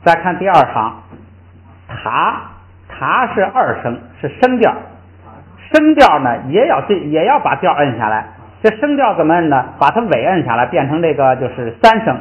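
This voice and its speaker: An older man teaching Tibetan pronunciation in a lively classroom style, often drawing out and repeating syllables to show the tones. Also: a little high, normal speed. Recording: tinny, echoey room sound.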